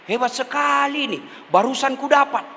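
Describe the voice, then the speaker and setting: A preacher doing a high-voiced questioning grave angel. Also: male voice, moderate pace, creaky, big-room sound, slight background noise, full character voice. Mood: grudgingly impressed. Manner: high, sharp interrogating tone. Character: stern questioning grave angel, male, probing.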